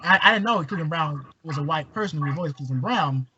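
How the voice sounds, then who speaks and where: A man from Maryland in a casual podcast chat, talking in a rambling, animated way with lots of fillers. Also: a little high, quick pace, crowd noise. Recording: dull lo-fi sound with faint hiss.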